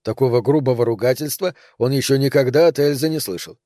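A man reading a novel aloud as the narrator, in a measured storytelling manner. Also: mid-range voice, dark tone, dry recording, studio quality. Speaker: audiobook reader. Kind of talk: scripted narration.

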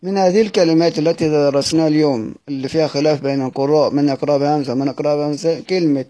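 A man with an Egyptian Arabic accent gives a patient lesson, his voice slightly high and soft in tone. He slows down to repeat words sound by sound and poses his own questions before answering them. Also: steady tone. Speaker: teacher of Quranic readings. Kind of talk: explanatory lesson.

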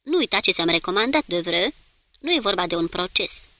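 Woman voicing a calm naval commander. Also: sits high, dry recording. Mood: calm, firm. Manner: measured, gently authoritative. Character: calm male naval commander, middle-aged.

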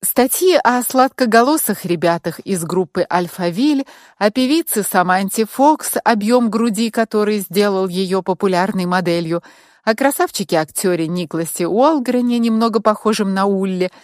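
A woman reading a first-person audiobook in a calm, measured way. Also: medium pitch, no room sound, studio quality. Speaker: audiobook narrator.

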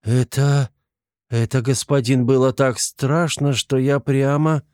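A man's voice: medium pitch, fairly even intonation, slow, darkish tone, dry recording, clean studio sound, voice pushed up, lightly acted. A man voicing a meek, obedient young serving girl who speaks timidly. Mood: shaken.

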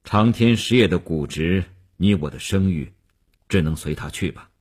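A man's voice: low-pitched, normal speed, a little mellow, breathy edge, pitched below the performer's own voice. A man voicing a commanding middle-aged male tycoon under pressure, grave and decisive.

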